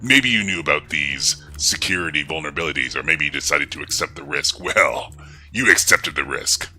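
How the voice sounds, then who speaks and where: Villain voice for a hacking stream: a gloating hacker whose clangy robotic voice changer pushes him very low and grating. Theatrical and taunting. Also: male voice, animated, moderate pace, pushed and bright, heavily acted. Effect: deep metallic voice changer. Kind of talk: livestream hacking session.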